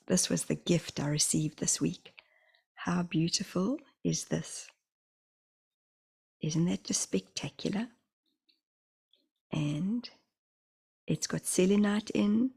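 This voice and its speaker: A low, gravelly woman's voice with a husky edge and a New Zealand accent. She speaks with a slight lisp, half-whispering and stretching out the words she wants to stress, in a relaxed spiritual vlog. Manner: soft, half-whispered, slows on key phrases. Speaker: spiritual channeler. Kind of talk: casual spiritual vlog talk.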